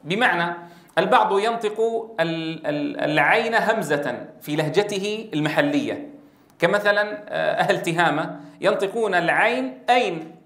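A man's voice: sits high, normal speed. A man from Syria giving a lecture on Quran recitation, acting out different pronunciations and often checking with his listeners. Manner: animated, demonstrates pronunciations and recitation, asks the audience. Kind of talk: classroom lecture.

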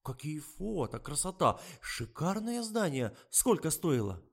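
A greedy old woman blackmailer, played by a male audiobook reader, shouts her accusations in a high, strained voice. She drags out her words and keeps pushing, loud and bullying. It is a single reader's audiobook performance. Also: sing-song, unhurried, gravelly, slightly rough, full character voice. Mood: shrill accusing. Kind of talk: audiobook reading.

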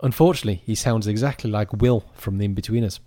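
A man's voice: lowish voice, quick pace, dark tone, no room sound. Guy rambling on a podcast, keeps restarting, dead dry sound. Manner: rambling, chatty, self-interrupting. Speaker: podcast co-host. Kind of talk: casual chat.

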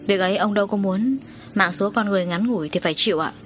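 Audiobook: kind male worker, gentle condolence, woman reader. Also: mid-range voice, quick pace, noisy background, close to an everyday voice. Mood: gentle consoling. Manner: gentle, polite. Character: sympathetic male worker, consoling.

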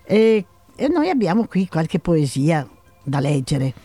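A woman's voice: deep voice, sing-song, slow, dark tone, husky, dry recording, soft background music. A woman hosting a radio talk show, chatting with her guests in a friendly, hesitant way. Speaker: radio host. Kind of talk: casual on-air interview.

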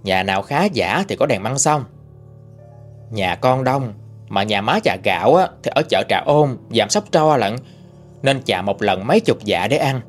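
A male storyteller narrates a ghost story in a chatty, colloquial way. His mid-pitched voice rises and falls with lively swings. Faint music plays quietly underneath. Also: a little slow.

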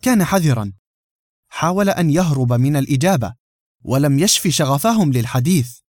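Male narrator for a novel, measured and animated, dry booth. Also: a little high, dry recording. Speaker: audiobook narrator.

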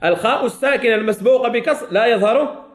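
A man with a Moroccan Arabic accent teaching a Quran recitation class. He corrects his students and stretches out sample words slowly, saying them again and again. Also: very high voice. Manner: corrects students and checks they follow. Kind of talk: classroom tajweed lesson.

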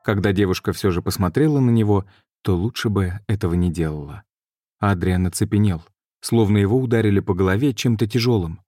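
A male audiobook narrator with a deep, dark voice, reading in a measured, deliberate way. The recording is close and dry. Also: no echo. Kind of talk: scripted narration.

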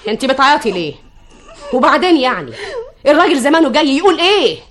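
A woman's voice: sits high, big pitch swings, fast, fairly bright tone. An actress with an Egyptian accent playing a bossy widowed mother in an old radio drama, scolding and insistent. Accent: Egyptian Arabic.

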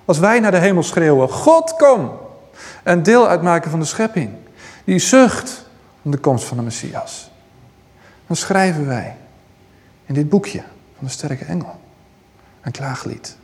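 A man preaching a Bible-teaching sermon, his voice sitting a little high. He reads scripture aloud with lifting emphasis. The sound rings with a long hall reverb. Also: lively intonation, measured pace, pauses often.

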